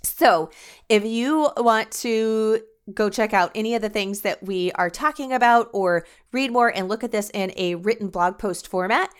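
Woman podcast host explaining, medium pitch. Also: clear, resonant tone. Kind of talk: podcast introduction, explanatory talk.

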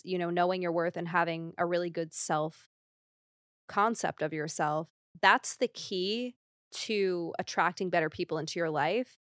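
Young woman guest on a podcast, kinda low voice, chatty and candid, laughs nervously a lot, dry close sound. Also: a bit bright, no room sound. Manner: candid, rambling with many fillers and nervous laughs. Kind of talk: casual podcast conversation.

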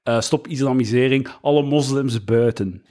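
A man's voice: mid-range voice, normal speed, darkish tone. A young Flemish man co-hosting a podcast in casual chat, rambling with many fillers and restarts. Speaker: podcast co-host.

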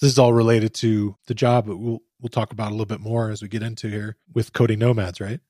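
A man hosting a podcast, reading the intro and asking questions in a steady manner. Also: on the low side, fast, dry recording, clean studio sound. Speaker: podcast host.

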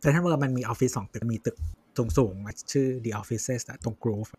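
A man's voice: mid-range voice, unhurried, darkish tone, husky, dry recording. A man co-hosting a podcast in casual chat, blunt and slangy. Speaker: podcast co-host.

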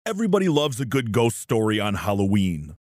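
Lively storytelling male podcast host. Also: fairly low pitch, brisk, no echo, clean studio sound. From Michigan. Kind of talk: scripted narration.

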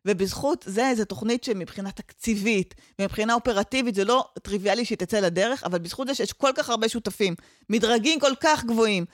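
The recording is clean studio audio with no echo, and her voice runs on the high side. She is a woman with an Israeli accent, appearing as a guest expert on training development and change management, explaining casually while weaving in English professional jargon.

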